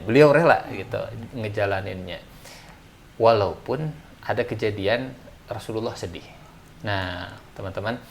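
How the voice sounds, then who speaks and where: A man's voice: on the low side, slight background noise. A man, an ustadz giving a casual religious talk, chatty and full of fillers. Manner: chatty, laughs often, many fillers. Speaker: ustadz speaker.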